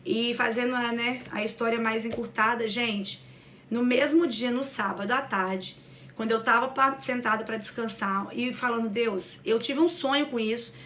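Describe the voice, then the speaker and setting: A woman's voice: a little high, fairly even intonation, normal speed, fairly bright tone, far from the mic, a little hiss or hum. A woman telling a personal faith testimony to a church group in an earnest, storytelling way. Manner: earnest, storytelling, addresses listeners as "gente". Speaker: church cell group speaker.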